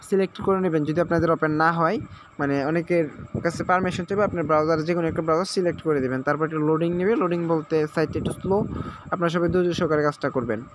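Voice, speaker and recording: A tutorial host with a voice on the high side guides viewers through an app sign-up in a screen-recorded tutorial, over a noisy background. He repeats each step, checks in often, and mixes English words into his speech.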